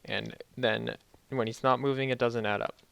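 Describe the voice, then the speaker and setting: A young man giving a casual, halting game tutorial, speaking slightly muffled and carefully, as if sore after dental work. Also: mid-range voice, fairly even intonation, vocal fry, fairly bright tone, clean tone. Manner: halting, self-correcting explanations. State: sore mouth after wisdom teeth removal, slightly muffled careful speech. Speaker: tutorial video host.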